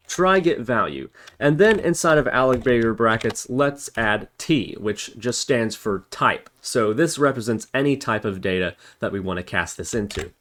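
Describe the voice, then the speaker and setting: This programming tutorial instructor has a mid-range, slightly bright voice and teaches informally, talking through steps as he types in a casual screencast. The noisy recording has hiss plus constant keyboard clicks and mouse clicks behind him.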